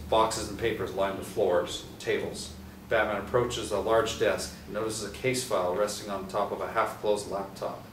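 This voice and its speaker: A man with a lowish voice narrates a script, reading stage directions aloud at a steady pace with occasional small stumbles and restarts. The room sounds echoey, he seems to sit some distance from the mic, and faint hiss lingers in the background.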